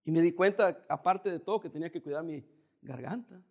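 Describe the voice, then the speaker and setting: Man, pastor, sermon, high voice, calm conversational delivery, occasional emphatic rises. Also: brisk.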